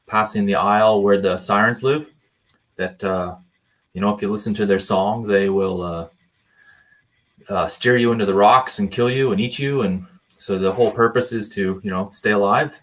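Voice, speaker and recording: A young man from Canada, a band member guest, talking about his music in a laid-back, easygoing way with lots of filler words. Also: on the low side. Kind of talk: casual interview chat.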